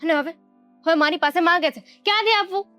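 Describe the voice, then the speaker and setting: A woman acting out a put-upon young daughter-in-law in a family drama, answering back with quiet sarcasm. Her voice is high, recorded dry and close, with faint music underneath. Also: brisk, no echo. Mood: frustrated.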